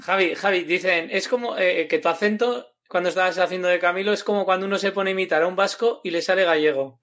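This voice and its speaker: High-voiced male podcast guest. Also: fast, fairly bright tone. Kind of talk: casual podcast chat.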